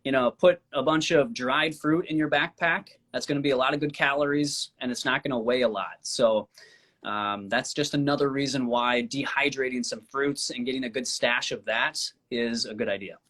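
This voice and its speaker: A man's voice: medium pitch, normal speed, fairly bright tone. A man in his thirties co-hosting a casual live-stream chat, easygoing and agreeable. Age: 30s. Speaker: co-host.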